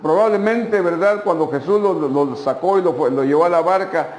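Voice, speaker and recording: A man's voice: a little high, a little fast, darkish tone, slight background noise. A man, a pastor preaching a sermon in an emphatic, repetitive way and speaking directly to his listeners. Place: church. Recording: echoey church hall.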